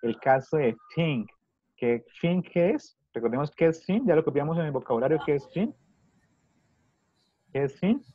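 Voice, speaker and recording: A man teaching children over a video call, asking the same question again and again with patience. His voice comes through dull and slightly muffled, and it sounds very dry and close. He speaks at an everyday middle pitch. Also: expressive, normal speed, long pauses, dry recording. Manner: patient, repeats questions to pupils. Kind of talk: online English class taught in Spanish.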